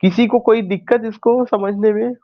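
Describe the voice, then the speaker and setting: A man's voice: high voice, fairly even intonation, normal speed, dull audio. Man teaching with rhetorical questions. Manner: mixes in English terms. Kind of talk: online class lecture.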